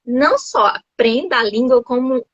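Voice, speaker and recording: A woman's voice: fairly high pitch, expressive, moderate pace, dry recording, lo-fi sound. A woman from Brazil chatting casually over a video call, laughing often and restarting her sentences. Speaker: host, English teacher living abroad.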